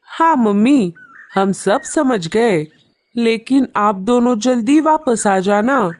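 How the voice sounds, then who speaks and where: A woman voicing a group of small bird chicks in a cartoon, with a high, childlike way of talking. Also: animated, slow, darkish tone. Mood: eager. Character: small excited bird chicks, hungry and eager.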